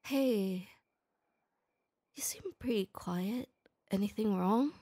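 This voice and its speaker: A young woman, close to the mic, talks to the listener in an ASMR roleplay as a gruff but kind shy tomboy, hesitant and stammering. Her voice is mid-range and warm, and her pace is slow.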